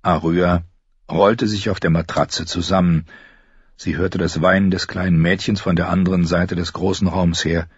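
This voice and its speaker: A man reading an audiobook as narrator, in a lively, expressive way, in a dry, slightly dull lo-fi recording. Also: low voice, moderate pace, slightly rough, no echo. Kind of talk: scripted narration.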